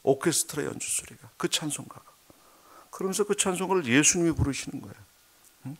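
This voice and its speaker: A middle-aged missionary delivers a heartfelt testimony sermon in a church sanctuary, his voice on the high side, husky, and a little fast. He swings between hushed murmurs and loud, emphatic outbursts.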